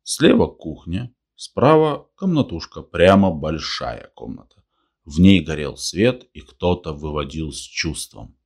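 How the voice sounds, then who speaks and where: Deep-voiced man reading a novel aloud. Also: very animated, unhurried, darkish tone, husky. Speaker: narrator. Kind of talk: audiobook reading.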